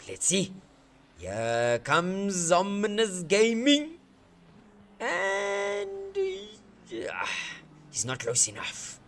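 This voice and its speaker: Man, high voice, wildly lively pitch, unhurried delivery, excitable race caller, playful and cheeky. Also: gravelly, slight background noise. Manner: excitable, playful, swears and jokes. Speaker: sim racing commentator, streamer. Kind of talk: live race commentary.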